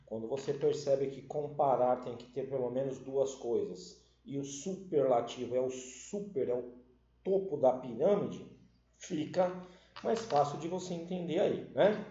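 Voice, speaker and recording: A man's voice: mid-range voice, mellow. A Brazilian man teaching English grammar in an online class, checking in often with his students and spelling out endings letter by letter. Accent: Brazilian Portuguese. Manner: explains slowly, often checking with "né?" and "certo?". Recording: lo-fi echoey room recording.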